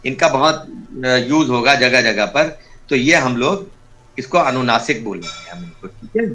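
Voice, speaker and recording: A man's voice: medium pitch, animated, measured pace, pushed and bright. A man teaching an online Sanskrit class over a video call, patiently explaining step by step and repeating key terms.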